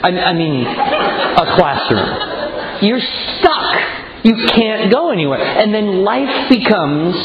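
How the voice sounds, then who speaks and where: A man who teaches children gives a talk to an audience, telling stories and acting out little voices as he goes. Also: a little high. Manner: animated, storytelling with acted-out voices. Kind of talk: lecture to an audience. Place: large room with audience. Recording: echoey hall, dull lo-fi sound.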